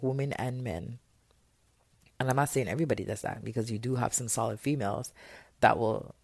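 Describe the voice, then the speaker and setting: A young woman hosts a podcast and vents casually, rambling with loose, candid chatter and lots of fillers. She recorded it at home on a phone voice memo through an earphone mic. Her voice is bass-deep and a little mellow, with no echo.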